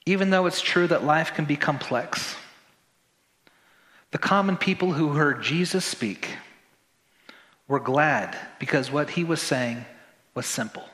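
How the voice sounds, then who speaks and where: Guy preaching a chatty sermon, bright sharp voice, lots of church hall echo. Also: a little high, measured pace, pauses often. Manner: conversational, with joking asides and repeated words. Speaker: pastor. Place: church sanctuary. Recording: roomy church hall reverb.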